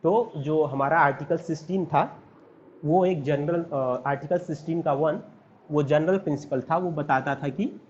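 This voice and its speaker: A man's voice: a little high, darkish tone. A man with an Indian accent teaching law in a recorded lecture. He repeats key terms and spells names out letter by letter. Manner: repeats and spells out terms slowly, asks students to write along. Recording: dull lo-fi with faint hiss.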